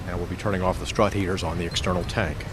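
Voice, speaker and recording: A man with a low voice gives formal countdown commentary for a rocket launch. His announcing is measured, over a clearly noisy broadcast feed. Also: flat delivery.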